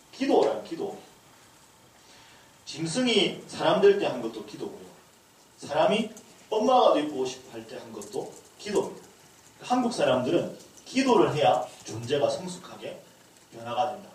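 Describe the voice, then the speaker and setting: A man's voice: fairly high pitch, darkish tone. A male pastor giving a humorous lecture to a class, acting out little dialogues as he teaches. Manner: humorous, acts out dialogue lines. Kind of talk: lecture to a leadership school class. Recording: echoey room, distant mic, faint noise.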